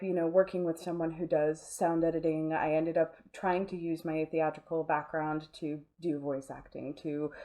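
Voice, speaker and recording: As a guest on an interview, this audio drama producer talks in an informal, rambling and self-deprecating way. Her voice is low-pitched and mellow.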